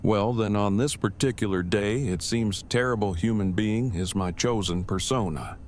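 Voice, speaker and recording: Audio drama part: nerdy, deadpan man male actor, lowish pitch, stiffly formal and long-winded, some ambience. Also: normal speed, lightly acted. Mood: dry, formal. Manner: stilted, wordy, formal, deadpan. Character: Eugene, formal, verbose, earnest nerdy man. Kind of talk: acted audio drama dialogue. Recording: faint background ambient noise.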